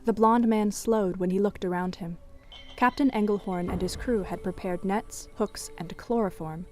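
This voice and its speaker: Over softly playing music, a woman with a medium-pitched voice narrates a scripted story for an audio drama at a moderate pace.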